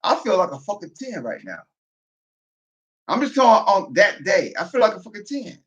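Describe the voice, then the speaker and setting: A man, a military veteran, talking in a loud, profane, casual monologue, breaking into laughter as he goes. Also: sits high, normal speed, dull audio. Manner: loud, profane, laughing asides, animated rant.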